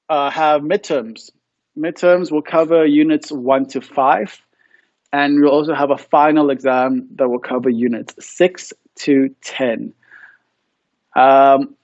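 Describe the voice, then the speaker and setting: A man's voice: fairly high pitch, no echo, muffled recording. South African man introducing his course. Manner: friendly, relaxed, with frequent ums. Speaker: university English lecturer.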